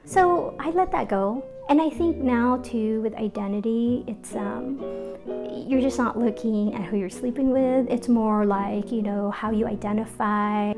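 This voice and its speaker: Candid woman from the Philippines, higher voice. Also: measured pace, music in the background. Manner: candid and conversational, reflective, with fillers and laughs. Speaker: interviewee, arts organizer. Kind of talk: documentary interview, personal storytelling.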